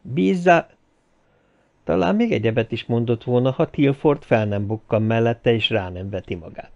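A male audiobook narrator reading expressively, with a gravelly, creaky voice. The recording sounds dull and lo-fi. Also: medium pitch. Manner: expressive storytelling. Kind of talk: scripted narration.

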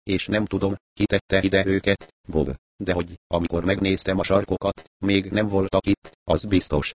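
A man voicing a frightened, tense woman who speaks in hushed, urgent tones, in a dry, close recording. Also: deep voice, level tone, no echo. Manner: hushed, through gritted teeth at times.

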